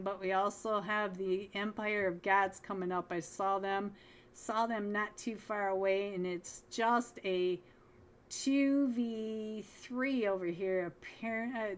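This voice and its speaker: A woman calling a mobile esports match alone, chatty and upbeat, with bursts of excitement at big plays, and losing her voice. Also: mid-range voice. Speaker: esports caster. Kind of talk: solo live game commentary.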